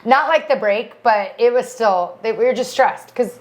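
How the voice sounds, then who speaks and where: A woman's voice: a little high, moderate pace. A woman co-hosting a podcast, chatting casually in a rambling way full of "like". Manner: rambling, filler-heavy chatter with lots of "like". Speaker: podcast co-host. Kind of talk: casual chat.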